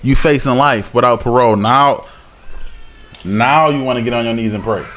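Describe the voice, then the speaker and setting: A man's voice: medium pitch, fairly bright tone, a little hiss or hum. Blunt, fired-up street preacher man. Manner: slow measured reading, then fired-up exhortation; blunt, scolding, slangy. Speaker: street Bible teacher. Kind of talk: scripture reading with preaching commentary.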